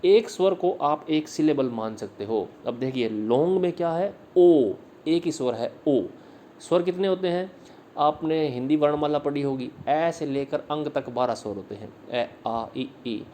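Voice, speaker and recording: A male English literature teacher giving a slide-based video lesson, patiently repeating words slowly and explaining each slide line. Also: on the high side, dark tone, slight background noise.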